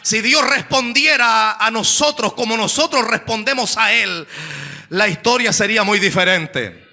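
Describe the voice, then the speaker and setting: A man preaching at a high, gravelly pitch with a bright, piercing tone. He shouts his main points, drops to quiet asides between them, and keeps asking the congregation for an amen. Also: measured pace. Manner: swings between hushed asides and shouted climaxes; calls for amens from the congregation. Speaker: pastor. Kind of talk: shouted evangelical sermon.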